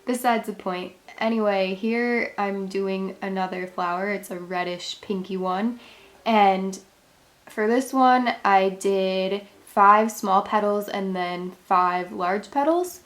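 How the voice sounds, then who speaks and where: Speaking slowly at a medium pitch, a woman hosting a craft channel walks through a tutorial in a chatty, step-by-step way. She sounds congested and somewhat worn.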